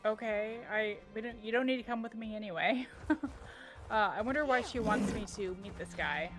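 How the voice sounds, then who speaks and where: A woman's voice: medium pitch, normal speed. A woman giving casual live gameplay commentary, musing aloud as she plays. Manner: musing aloud, reads dialogue choices aloud. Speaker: game streamer. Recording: faint game music behind.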